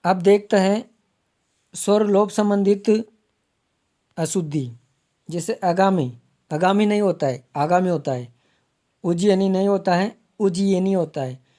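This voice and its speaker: A man teaching Hindi grammar for exams, repeating each word slowly to spell it out and calling viewers his friends. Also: high voice, dark tone. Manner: slow, repeats words to spell them out. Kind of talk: exam-prep lesson.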